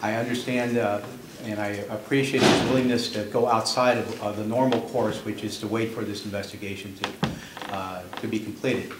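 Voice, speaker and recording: A man giving a press statement as a police official, firm and emphatic but halting. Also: on the low side, fairly even intonation. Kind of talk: semi-prepared press statement. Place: press conference room. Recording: echoey room with clear background noise.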